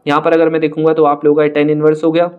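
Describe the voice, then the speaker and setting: A young man with a high, bright-sounding voice talks a class through maths problems step by step. He chats straight at the students and brushes off hard-looking questions with a teasing laugh in his voice. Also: completely flat delivery, narrow, tinny audio. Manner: brisk, chatty, addresses students directly, mocks hard-looking questions. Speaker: maths teacher. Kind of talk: online exam-prep lesson.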